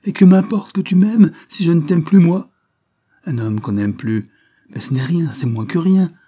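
A defiant young woman prisoner bursts out in heated, emphatic lines, as a male audiobook reader puts her on. The voice is pitched up and loud in her anger, while keeping the reader's mellow, slightly husky tone. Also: a little slow. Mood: furious. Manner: emphatic, impassioned outbursts.

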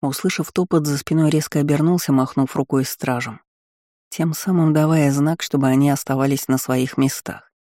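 A male audiobook narrator tells a first-person tale at a steady, measured pace. His voice is mellow and sits a bit high. The recording is dry and close. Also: no echo.

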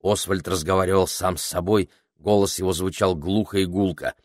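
A man's voice: sits low, fairly even intonation, normal speed, no room sound, studio quality. A man reading a children's story aloud as the narrator of an audiobook.

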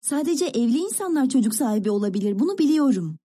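A woman's voice: high voice, big pitch swings, fast talker, mellow, slightly rough, pitched above the performer's own voice, full character voice. A woman voicing an impatient little girl who asks breathless, eager questions. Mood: puzzled. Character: excitable little girl, younger sister, impatient.

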